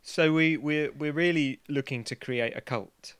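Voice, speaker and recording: A man's voice: a little high, a little slow, a bit bright, smooth, no echo. A man co-hosting a podcast in casual chat, rambling and sardonic. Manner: rambling and sardonic, with many fillers. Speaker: podcast co-host.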